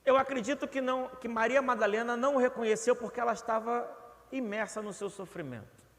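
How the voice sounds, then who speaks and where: A man's voice: very high voice, quick pace, fairly bright tone. A young Brazilian man preaching a sermon in a church, earnest and repeating words for emphasis. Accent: Brazilian Portuguese. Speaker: pastor. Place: church hall. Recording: long reverb of a church hall.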